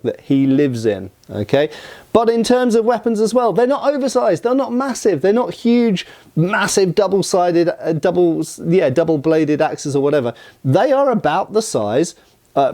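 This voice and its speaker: A man's voice: medium pitch, warm tone. A man, enthusiastically explaining what makes a weapon design work, in a discursive commentary style. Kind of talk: explanatory commentary on game art.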